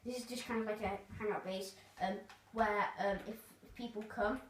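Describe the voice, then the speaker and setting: Touring her game world, a woman chats along casually, hesitant and full of fillers as she rambles. Her mid-range voice keeps a fairly even intonation at normal speed. The audio carries room sound and faint noise, picked up by a distant mic.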